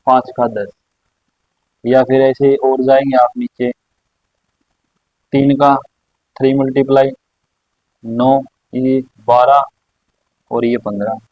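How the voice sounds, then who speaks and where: Guy teaching trig at a board, dry muffled sound, talks slow n repeats stuff. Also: medium pitch, dry recording. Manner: explains slowly, repeats questions to the class, says "bhai" often. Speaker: maths teacher. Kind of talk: classroom lesson at a board. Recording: dry, slightly dull lo-fi sound.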